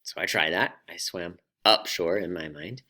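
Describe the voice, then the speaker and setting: A man hosting a personal finance vlog, telling a story in an animated, self-deprecating way. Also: sits low, moderate pace. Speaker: vlog host.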